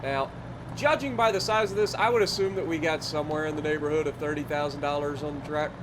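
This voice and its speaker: Over a noisy background, this man speaks quickly in a slightly high, nasal, congested voice. He's a YouTuber casually narrating his farming game, musing out loud and leaning on filler words.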